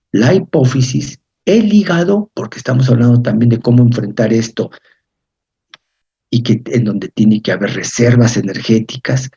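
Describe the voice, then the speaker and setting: A man's voice: mid-range voice, warm tone, husky. A man giving a university physiology lecture, explaining step by step and often checking in with his students. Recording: dull lo-fi lecture recording.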